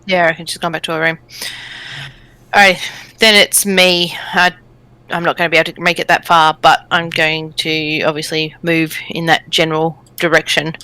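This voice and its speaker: A man playing a tabletop game, planning moves in quick, joking casual talk. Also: fairly high pitch, little pitch movement, pushed and bright, clear, resonant tone, poor audio. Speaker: player.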